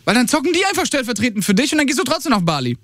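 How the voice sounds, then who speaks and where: A male radio host running an on-air quiz game with a caller, energetic and slangy, dropping in English words. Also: very high voice, racing, no room sound. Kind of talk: upbeat radio game show hosting.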